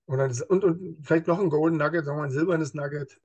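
A man with a somewhat high, husky voice speaks as a guest in a casual interview. He talks in a lively way, explains things with everyday examples and drops into other voices to act out what people say. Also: fast, lo-fi sound. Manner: lively, acts out quoted speech in other voices. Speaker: police officer as interview guest.

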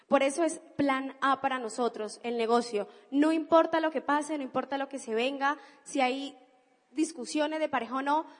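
High-voiced Colombian woman, enthusiastic. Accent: Colombian (Cali). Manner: enthusiastic, emphatic. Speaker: business speaker. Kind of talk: motivational business talk. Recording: reverberant hall.

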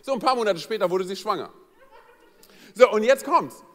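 A man's voice: high-pitched, normal speed. Joking male preacher in a reverberant hall. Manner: lively, joking, acts out quoted voices. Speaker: pastor. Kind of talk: humorous sermon storytelling. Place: church hall. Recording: long church hall reverb.

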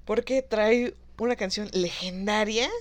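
A woman's voice: mid-range voice, unhurried. A woman with a Mexican accent, co-hosting a casual chat, joking and teasing with slang. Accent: Mexican Spanish. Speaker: podcast co-host.

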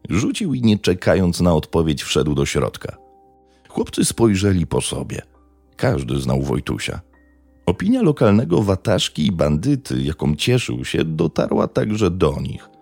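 Super deep gravelly guy narrating true crime, lively pitch, dry close sound. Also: dry recording. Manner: measured, dramatic storytelling.

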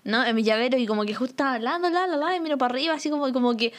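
A young woman with a Chilean Spanish accent co-hosting a podcast, telling stories in animated, slang-heavy, swearing chatter. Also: high voice, very fast. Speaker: podcast co-host. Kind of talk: casual podcast chat.

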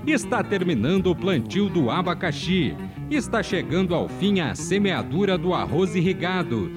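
A man's voice: high voice, sing-song, moderate pace, over music. A man presenting a farming programme in formal, scripted announcer narration.

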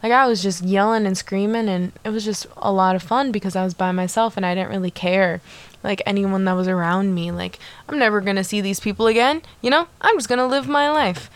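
A woman's voice: mid-range voice, fairly quick, smooth. A young woman hosting her own podcast in a bubbly, chatty way, full of "like" and asides to her listeners. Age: young adult. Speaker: podcast host. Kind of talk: casual solo podcast chat.

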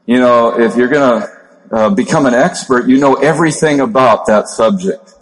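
Man, Minnesota accent, 50s, monotone, seminar speaker, long echoey hall reverb. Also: mid-range voice, normal speed. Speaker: network marketing trainer. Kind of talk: motivational seminar talk.

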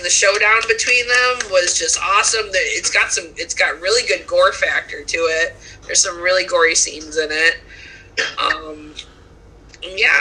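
A woman's voice: mid-range voice, sharp tone, low-quality recording. A young woman co-hosting a casual podcast, talking in an eager, gushing way. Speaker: podcast co-host. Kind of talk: casual chat.

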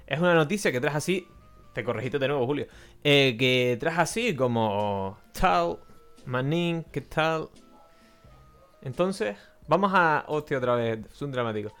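A man's voice: medium pitch, expressive, normal speed, a bit bright. A man from hosting a casual live-streamed podcast, chatty and jokey, often restarting his sentences. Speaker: podcast host. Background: faint background music.

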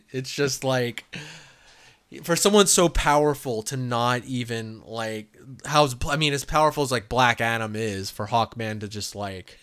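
A man casually talking through a movie review with a co-host, rambling and animated, with lots of filler words. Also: medium pitch, unhurried, clean tone. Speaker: podcast co-host.

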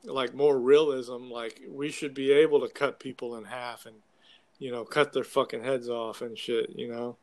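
A man's voice: medium pitch, level tone, normal speed, a little mellow. A young man in casual conversation, talking like a frat bro with loose slang and plenty of swearing. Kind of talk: casual chat about video games.

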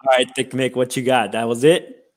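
A man's voice: medium pitch, fairly even intonation, normal speed. A man co-hosting a casual podcast, rambling with lots of fillers and restarts as he thanks guests and plugs the show. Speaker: podcast co-host. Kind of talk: casual chat.

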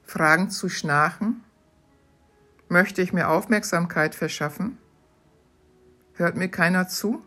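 A woman hosting her podcast, reading short questions aloud from her own book in a calm, measured way. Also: lowish voice, soft background music. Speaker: podcast host.

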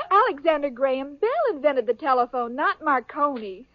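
A woman's voice: high-pitched, lively intonation, moderate pace, background noise. An actress playing Irma, a sweet but scatterbrained young woman, in a 1940s radio sitcom. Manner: dim, earnest, giggly. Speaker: sitcom lead. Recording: muffled old radio broadcast with studio audience.

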